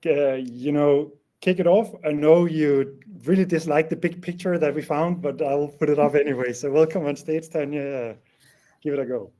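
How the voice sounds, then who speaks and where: A man's voice: fairly high pitch, fairly even intonation, moderate pace, warm tone. A man hosting an online webinar in a casual presenting style, often restarting his sentences and leaning on fillers. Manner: hesitant, many restarts and fillers. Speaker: webinar host.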